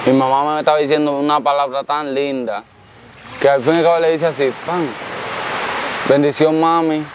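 A man from the Dominican Republic, speaking with a Dominican Spanish accent, tells his own story casually in an interview. His voice is a little high, and he is earnest and repetitive, often thanking God, with background noise present.

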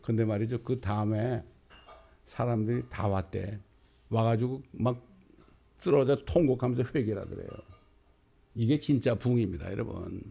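A male pastor delivering a sermon, telling stories and rising into loud quoted passages. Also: on the low side, moderate pace, gravelly, pauses often. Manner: storytelling preacher, bursts into loud quoted lines.

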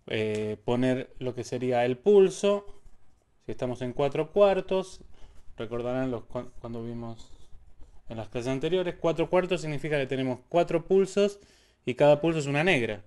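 A man's voice: on the high side, darkish tone, clear, resonant tone. A man teaching a casual music theory lesson, explaining step by step and singing syllables to show rhythms.

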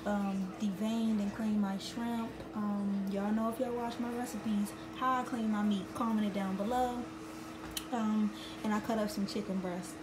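A woman's voice: mid-range voice, steady tone, measured pace. A young woman chatting through a cooking tutorial in her home kitchen, calling viewers "y'all", on a camera mic by the stove. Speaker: cooking vlogger. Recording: loud sizzling kitchen noise. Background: sizzling frying food.

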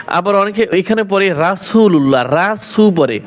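A man teaching Quran pronunciation step by step, chanting each phrase slowly and stretched out between quick explanations. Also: high voice, expressive.

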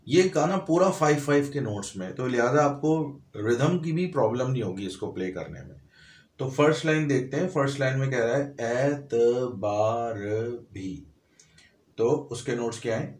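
A man's voice: medium pitch, animated, brisk, roomy sound. A man teaching a piano lesson, explaining step by step, counting and naming notes aloud. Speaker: music teacher. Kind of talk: piano tutorial.

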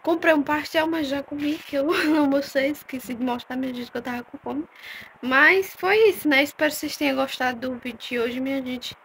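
A woman's voice: high voice, steady tone, fairly quick, fairly bright tone, a little hiss or hum. A young woman, chatting to viewers in a casual phone vlog and often calling them "my people". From Northeast Brazil. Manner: chatty, calls viewers "minha gente". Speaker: vlogger. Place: open-air market outdoors, then a room by a block wall. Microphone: phone camera held at arm's length.

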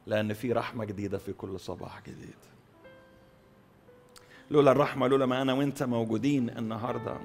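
A male pastor with an Egyptian Arabic accent preaching a sermon, pushing key words loud, letting line endings fall soft, and repeating phrases for stress. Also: mid-range voice, creaky, soft background music. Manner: emphatic, swings between loud stresses and soft drawn-out endings. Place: church hall.

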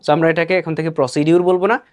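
Bangladeshi man teaching pronunciation, repeating words. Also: a little high. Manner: explains, then repeats each word slowly. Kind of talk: explanatory lesson.

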